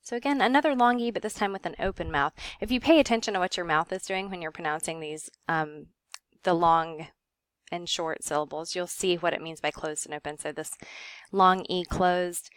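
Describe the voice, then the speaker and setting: A woman teacher giving a recorded lecture, carefully sounding out words and filling pauses with um. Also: lowish voice, a bit bright, no echo, studio quality. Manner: careful, demonstrating pronunciations with frequent ums.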